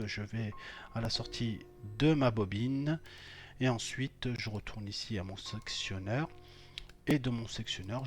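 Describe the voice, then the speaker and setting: A man teaching electrical wiring, walking through each step on screen as he clicks, with many hesitations and fillers. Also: medium pitch. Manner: thinks aloud while clicking, many fillers. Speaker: electrical instructor. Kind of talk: screen-recorded software tutorial.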